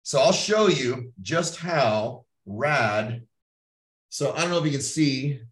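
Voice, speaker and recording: Speaking slowly in a mid-range voice with lively intonation, a middle-aged Canadian podcast host gives a motivational talk. The coaching tone is blunt and profane, and the mic sits at a distance in a roomy-sounding space.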